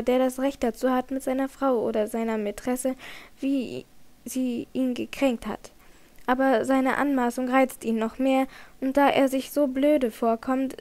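A woman narrating a classic novel as an audiobook, in measured, dramatic storytelling. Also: sits high, darkish tone. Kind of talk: scripted narration.

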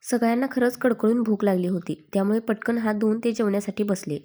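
A woman narrating a scripted story in an expressive storytelling manner. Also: medium pitch, quick pace.

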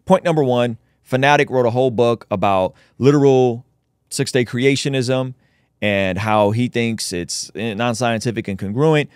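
A man's voice: mid-range voice, unhurried, smooth, no echo, clean studio sound. A man hosting a podcast, making a casual, argumentative rebuttal with frequent restarts. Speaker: podcast host.

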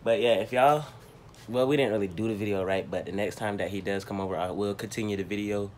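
A young man chats through a casual home vlog. His voice sits low and relaxed, full of slang and quick laughs. The phone recording carries clear background noise. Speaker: vlogger. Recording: noisy phone video.

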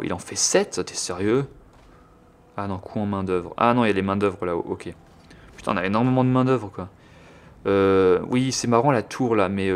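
A young man gives casual let's-play commentary on his strategy game, thinking aloud in a crude, joking way. His voice sits fairly low, and the recording has a slight hiss or hum.

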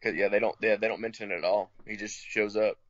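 Guy on a podcast, kinda low voice, laid back, trips over his words, dull dry mic. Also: steady tone, fast, fairly bright tone, dry recording. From Alabama. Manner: easygoing, agreeable, stumbles and restarts often. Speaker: podcast co-host. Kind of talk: casual chat.

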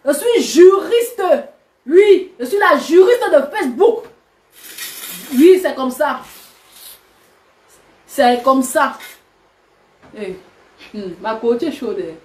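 A woman's voice: sits high, sing-song, extremely slow, pauses often, a little mellow. A woman, a social media personality, ranting at her subscribers in a scolding, combative and mocking way. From Cameroon. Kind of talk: live video rant. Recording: roomy echo.

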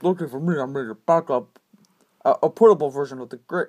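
Brief: toy video performer, husky, halting explainer. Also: medium pitch, dark tone. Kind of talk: home-made toy story voicing.

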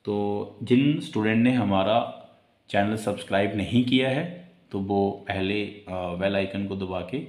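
A man teaching a shorthand class who calls out each word in a high voice, then explains it in a low voice. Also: unhurried, darkish tone, reverberant. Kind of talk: classroom lesson.

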